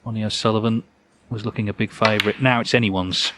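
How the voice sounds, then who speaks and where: A man's voice: on the low side, fairly even intonation, fast. A man giving live snooker commentary as a match commentator. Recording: loud crowd and arena noise.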